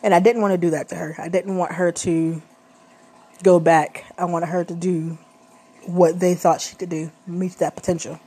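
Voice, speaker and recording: Woman, 30s, stay-at-home mom, rambling casual storytelling, husky, somewhat low voice. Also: level tone, moderate pace, mellow. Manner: chatty, rambling, many fillers and restarts.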